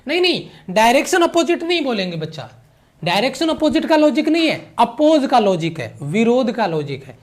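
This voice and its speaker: A physics teacher delivers an online lecture in an extremely high, sing-song voice at a slightly quick pace. He repeats key phrases, drops English physics terms into his explanations, and keeps checking that his students are following.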